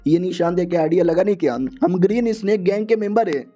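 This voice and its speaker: A man's voice: sits high, brisk, warm tone, faint music behind, lightly acted. A man doing a taunting gang thug. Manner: taunting, insulting. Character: rude bullying male gang players.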